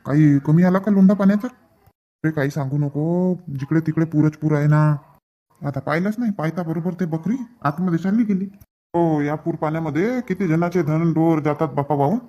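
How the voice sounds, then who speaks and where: A man playing villagers in a comedy sketch, excitable and loud. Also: fairly high pitch, normal speed, muffled recording. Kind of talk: acted rural comedy sketch.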